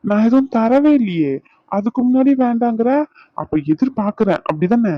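A woman's voice: a little high, animated, normal speed, no room sound. A woman voicing a playful young husband in a cartoon, teasing and coaxing his wife. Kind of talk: cartoon voice acting. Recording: slightly dull, dry lo-fi sound.

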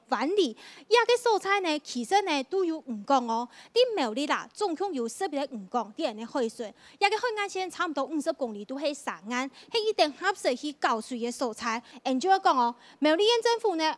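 A woman with a Taiwanese Hakka accent hosting a panel discussion, speaking with pauses and fillers. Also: high-pitched, no echo. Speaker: talk show host.

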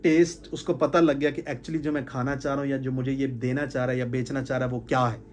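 This sales trainer talks quickly at a medium pitch that barely moves, with a faint hiss or hum on the recording. Addressing a small group informally in a curtained indoor room, he presses his points by repeating phrases and gestures while he speaks.

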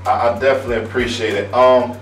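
A man in his thirties from Akron, Ohio, a barber answering interview questions in a calm, earnest way, often repeating words as he searches for them. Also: medium pitch, fast talker. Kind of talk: casual interview. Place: small room indoors. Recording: roomy, distant mic, faint music.

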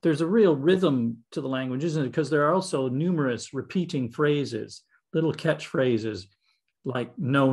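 A man's voice: mid-range voice, vocal fry. A man hosting a podcast interview, curious and eagerly framing his questions. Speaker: podcast host.

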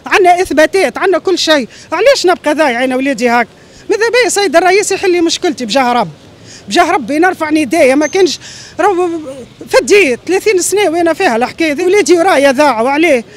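A woman's voice: very high-pitched, expressive, racing. A middle-aged woman with a Tunisian accent, speaking in an agitated, pleading, emphatic way in a street interview. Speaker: interviewee airing a grievance. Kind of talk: street interview, impassioned complaint. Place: outdoors on a busy city street. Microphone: handheld reporter microphone.

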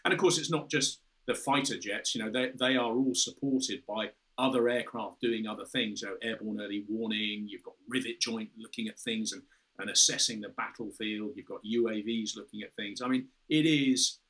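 The audio is poor as a British ex-fighter pilot in his fifties, interviewed via video call, gives lengthy explanations peppered with restarts and "you know." His voice is fairly low and fairly bright, with fairly even intonation at a moderate pace. The setting is an indoor room with a window and red curtains.

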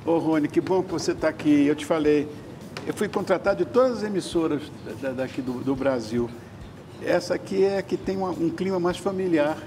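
A man's voice: a little high, brisk, mellow, slight background noise. An older man hosting a morning TV talk show, effusive and jokey with his guests. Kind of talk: casual studio chat. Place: TV studio kitchen set.

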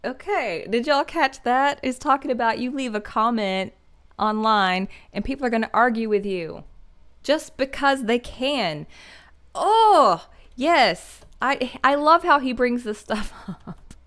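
A woman's voice: fairly high pitch, expressive, measured pace, a bit bright. A woman, chatting enthusiastically as she reacts to a song, laughing often. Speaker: music reaction host. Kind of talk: casual reaction commentary. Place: small decorated home room with string lights. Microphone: studio condenser mic on stand.

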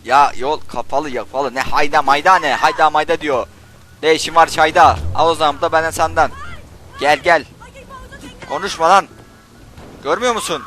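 Bright-voiced man yelling at a game. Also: a little high, a little hiss or hum. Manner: swears and yells at game characters. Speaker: gaming channel host. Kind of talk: Let's Play commentary.

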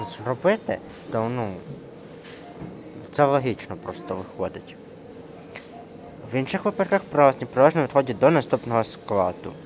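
A man coaching a single student through a grammar lesson, pausing often and drawing out each example word as he reads it aloud. His voice sits at an ordinary middle pitch. The recording sounds dull and lo-fi, with a steady hiss of noise behind him. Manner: hesitant, with many fillers, reads examples slowly. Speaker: tutor. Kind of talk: casual one-on-one grammar lesson. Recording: dull lo-fi screen recording with clear background noise.

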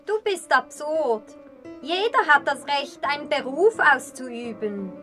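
Woman playing a blind woman painter, proud, scornful retorts, high voice, unhurried, acted short-film dialogue. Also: lively intonation, pushed and bright, faint music behind, full character voice.

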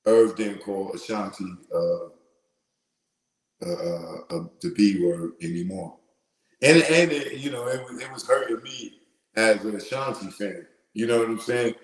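Hosting his live commentary show, a middle-aged man with a big, lowish voice speaks loosely and animatedly, packed with slang, at a measured pace. He's using a wired earphone mic in a small room that echoes around him.

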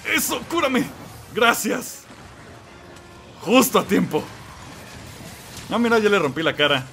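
A man giving excited let's-play commentary, yelling and exclaiming at the game and talking to the monster. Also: high voice, slow pace, gravelly, soft background music. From Mexico. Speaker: gamer playing and commenting.

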